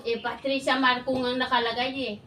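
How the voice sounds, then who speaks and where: A middle-aged woman with a high voice tells a story from her past in easy chat. She acts out what everyone said, keeps bursting into laughter, and sounds roomy and a little distant from the mic. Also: brisk, crowd noise. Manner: animated storytelling, acting out quoted exchanges, laughing often. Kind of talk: casual chat.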